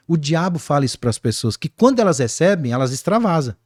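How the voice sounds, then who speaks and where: A man with a Brazilian accent, a guest pastor talking in an animated, preaching-like way on a podcast. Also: fairly high pitch, fast talker, no room sound, studio quality. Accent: Brazilian Portuguese. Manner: animated, acts out quoted voices.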